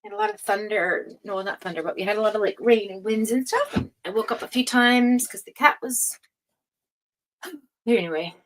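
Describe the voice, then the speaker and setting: A woman's voice: mid-range voice, lively intonation, normal speed, rough recording. A tired woman hosting a casual tarot livestream, chatting with viewers and reading cards aloud, her speech a little slurred from a sore jaw. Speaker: tarot reader, livestream host.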